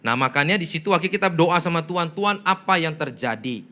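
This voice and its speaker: A male pastor tells a story from the pulpit in a bright, forceful voice. He talks to his listeners directly, asks rhetorical questions and acts out the voices and sounds of the people in his story. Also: fairly high pitch, expressive, quick pace. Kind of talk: storytelling sermon.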